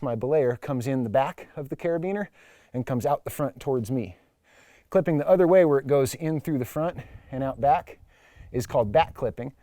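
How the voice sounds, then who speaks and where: The recording is clean and studio-like with no room sound, featuring a climbing instructor mid-climb at a wall or crag. In a mellow, mid-range voice, he plainly explains a hands-on demonstration.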